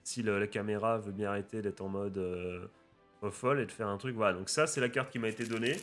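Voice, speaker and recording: A man casually chatting to his viewers while opening trading card packs, excitable and swearing often. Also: fairly low pitch, fairly quick, faint music behind. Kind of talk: casual unboxing commentary. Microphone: webcam setup at a desk.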